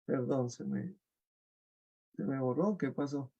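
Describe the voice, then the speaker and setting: A man's voice: medium pitch, slow pace, creaky, mellow, breathy edge, muffled recording. A man giving a webinar lecture, explaining step by step and checking in with his audience through rhetorical questions, over a video call.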